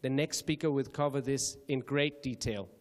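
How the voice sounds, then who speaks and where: A man from Denmark giving measured, formal opening remarks at a public lecture, with careful phrasing and the odd self-correction. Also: medium pitch, steady tone. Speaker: speaker introducing a public lecture. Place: lecture hall. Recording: reverberant lecture hall.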